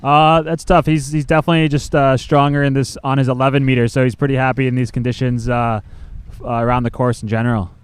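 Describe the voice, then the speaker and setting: A male race commentator whose voice is smooth and resonant, staying level in pitch throughout. He speaks in a steady way, explaining the race as he goes. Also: fast. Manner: steady, informative, analytical. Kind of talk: live sports commentary.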